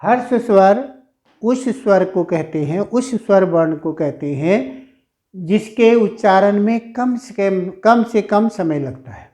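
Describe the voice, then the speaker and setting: Speaking in a high-pitched, expressive voice with a dark tone, a male teacher goes over grammar in class. He repeats himself and draws sounds out slowly as he shows how they work.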